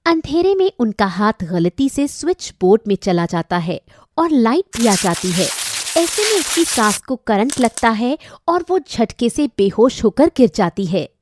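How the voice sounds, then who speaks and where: Female storybook narrator, high animated voice, unhurried pace. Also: slight background noise.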